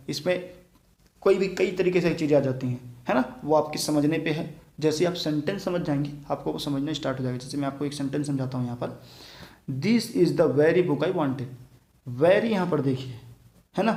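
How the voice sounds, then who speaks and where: In an echoey room, a man from Chhattisgarh, India, delivers a classroom grammar lecture. His voice is fairly high with a darkish tone, and he explains patiently, repeatedly adding tag questions to make sure his students follow.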